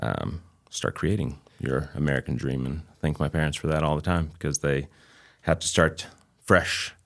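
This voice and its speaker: Rumbling low with vocal fry and a slightly bright edge, this man's voice belongs to a guest chiropractor in his thirties. Originally from Kosovo and a native Albanian speaker, he has a light New England accent and chats casually in an interview, measured and reflective with frequent pauses.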